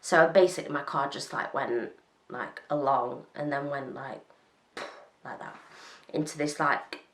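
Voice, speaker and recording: A woman's voice: extremely low pitch, a little slow, a bit bright. A young woman telling a story in a chatty, rambling vlog, full of "like" and restarts. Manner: rambling, self-interrupting, with frequent "like" and laughter. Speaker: vlogger. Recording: roomy echo.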